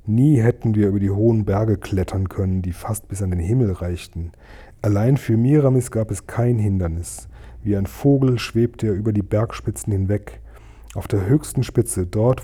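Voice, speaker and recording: A man reading a children's storybook aloud in a gentle, measured narrating voice. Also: lowish voice, husky. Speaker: audiobook reader.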